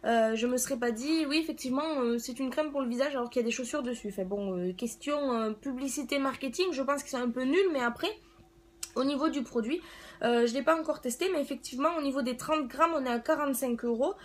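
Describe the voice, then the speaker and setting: A woman's voice: sits high, quick pace. A woman giving a casual product review as a beauty vlogger, chatting in a hesitant way as if thinking aloud.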